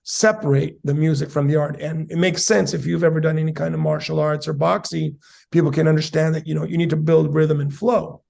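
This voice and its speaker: A man in his forties from South San Diego, a capoeira master answering interview questions in a measured, academic way with many fillers. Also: a little high, flat delivery, vocal fry, a little mellow. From South San Diego, USA. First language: Spanish and English.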